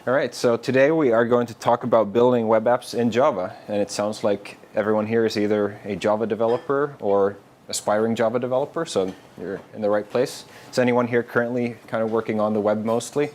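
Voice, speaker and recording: A man's voice: lowish voice, fairly even intonation, a little fast, darkish tone, faint music behind. A man from Finland giving a casual developer presentation at a meetup, informal and loose, with frequent fillers and restarts. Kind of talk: conference tech presentation. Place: meetup room with a live audience.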